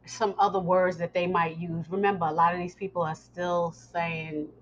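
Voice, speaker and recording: A woman's voice: lowish voice, little pitch movement, normal speed, a little hiss or hum. A woman speaks as a host in an informal announcement to her listeners. The sound is a little dull and lo-fi. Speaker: host introducing guest lessons.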